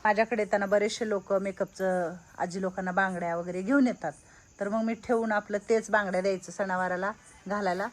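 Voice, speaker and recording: A woman who runs an old-age home chats with residents and coaxes them as she hands things out, calling out loudly and lively. Her voice is medium-pitched and brisk, in a casual vlog-chat style.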